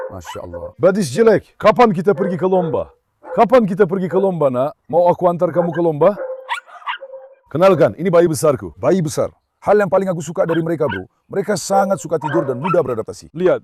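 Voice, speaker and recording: A man's voice: on the high side, a little mellow. A man running a casual farm vlog, coaxing and calling his dogs and chatting to viewers between. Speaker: farm owner and dog keeper.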